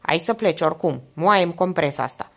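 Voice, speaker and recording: A woman's voice: fairly low pitch, lively intonation, gravelly, a bit bright, full character voice. A woman voicing a young woman who is curt and withdrawn, brushing off questions in short replies.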